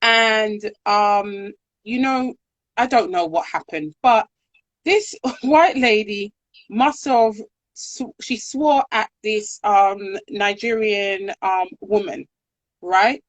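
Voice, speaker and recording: A woman hosting a podcast, chatting casually and telling stories in an animated way. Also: medium pitch, slow pace, no room sound. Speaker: podcast host. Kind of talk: casual interview chat.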